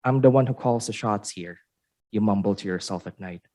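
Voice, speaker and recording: A man's voice: fairly low pitch, mellow. A man reciting his spoken-word poem at an open mic in a university exhibition room. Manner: measured, lyrical recitation. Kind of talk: spoken-word poetry reading.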